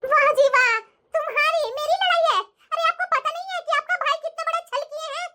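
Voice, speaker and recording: A proud, scolding cartoon mother-in-law. The voice sits very high and sounds sharp and bright, and she nags and boasts about ruling her house. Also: brisk. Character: bossy middle-aged mother-in-law, quarrelsome and proud. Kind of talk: animated cartoon voice acting.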